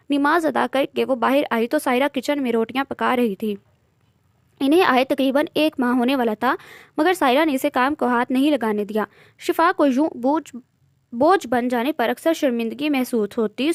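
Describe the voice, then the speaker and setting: High-voiced woman narrating a novel. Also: no room sound, studio quality.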